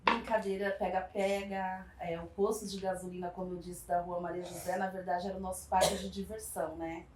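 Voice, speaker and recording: A woman, telling her life story in an interview with reflective pauses and small hesitations. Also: on the low side, level tone. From São Paulo, Brazil. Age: 40s. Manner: reflective, warm storytelling with frequent hesitations and tag questions. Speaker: interviewee, community project worker. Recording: echoey room, distant mic, faint background noise.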